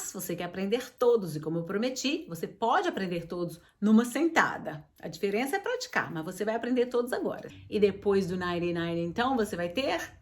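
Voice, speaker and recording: Lively woman teaching. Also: medium pitch. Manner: lively, switches between Portuguese explanation and slow English examples; friendly, addresses viewers as gente. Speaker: English teacher. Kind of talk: casual video lesson.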